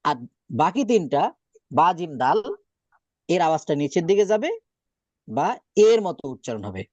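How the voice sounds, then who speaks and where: A man teaching Quran reading in a classroom lesson, drilling letters slowly and checking that students follow. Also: a little high, very animated, a little mellow, no echo. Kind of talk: slow classroom recitation lesson.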